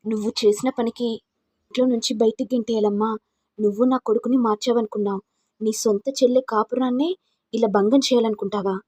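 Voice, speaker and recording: A woman's voice: sits high, fairly quick, a little mellow, slightly rough, no echo, voice pushed up. A woman voicing an angry older father-in-law who rebukes his daughter-in-law. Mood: angry rebuking. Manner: rebuking, indignant.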